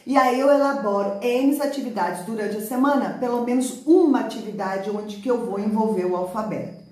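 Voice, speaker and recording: A woman with a Brazilian Portuguese accent, explaining classroom literacy activities in a patient teaching talk, stretching out sample words slowly. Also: a little high, darkish tone, heavy reverb. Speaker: teacher and neuropsychology educator.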